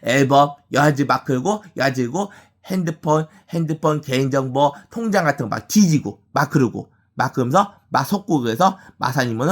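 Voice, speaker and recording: A man giving a personal monologue about his family, rambling and repeating the same words and phrases again and again, with halting restarts. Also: mid-range voice, lively intonation.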